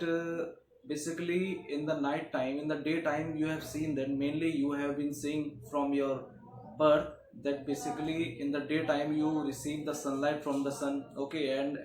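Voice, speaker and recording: A man teaching a geography lesson to schoolchildren, often filling pauses with "okay" and "uh". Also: a little high. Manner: frequent "okay" and "uh" fillers, repetitive explaining. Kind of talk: classroom lecture. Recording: echoey room, faint background noise.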